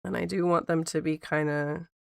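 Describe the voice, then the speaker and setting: A woman streams casually while she draws, her voice squeaky from being sick. It sits a little low for a woman and crackles with gravelly fry. The sound is dry and close as she thinks out loud and repeats herself. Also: steady tone, normal speed, no room sound. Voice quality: squeaky, like a squeaky toy. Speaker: art streamer. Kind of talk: casual livestream chat while drawing.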